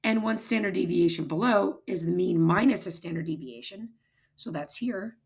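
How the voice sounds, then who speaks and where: A woman with a hoarse, raspy voice that is giving out, explaining step by step as a math teacher in an informal recorded lecture. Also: on the low side, moderate pace, darkish tone. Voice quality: husky, raspy, strained voice. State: hoarse, losing her voice, throat-clearing.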